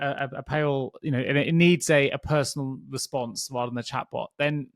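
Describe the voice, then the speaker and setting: A man's voice: fairly high pitch, dry recording, studio quality. A man hosting a podcast, talking in a loose, conversational way with frequent restarts as he thinks aloud. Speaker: podcast host.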